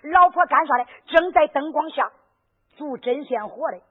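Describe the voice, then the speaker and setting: A woman tells a traditional folk story in a lively way, often posing rhetorical questions and answering them herself. Her voice is very high-pitched. The sound is thin and lo-fi, like an old radio broadcast. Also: normal speed. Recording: narrow lo-fi radio recording.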